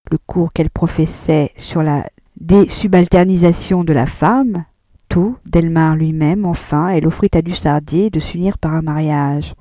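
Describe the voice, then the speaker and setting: A woman reading a classic novel aloud as an audiobook narrator, in a measured, even way. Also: on the low side, no room sound. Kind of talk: scripted literary narration. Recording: dull lo-fi audio, dry.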